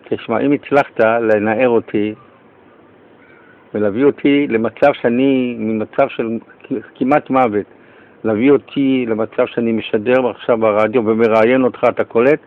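Male radio host: lively, excitable storyteller, average pitch, muffled lo-fi broadcast sound. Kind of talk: radio interview.

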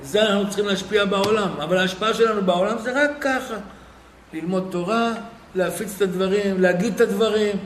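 A man preaching a sermon and retelling stories in animated fashion, acting out the dialogue. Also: high-pitched. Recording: echoey hall with faint noise.

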